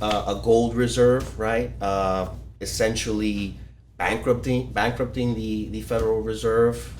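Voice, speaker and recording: A man's voice: on the low side, echoey room. A man from Ecuador talking casually as a guest, explaining things with many fillers and restarts. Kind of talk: casual podcast conversation. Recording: faint background noise.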